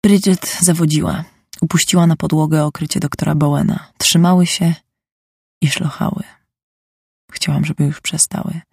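A woman giving an unhurried, hushed first-person reading of a literary story. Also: deep voice, fairly even intonation, gravelly, slightly rough, no room sound, studio quality. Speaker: audiobook narrator. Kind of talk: scripted first-person narration.

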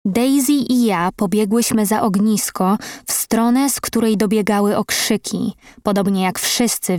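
A woman narrating a first-person audiobook in a measured, even storytelling manner. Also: on the high side, no room sound, studio quality.

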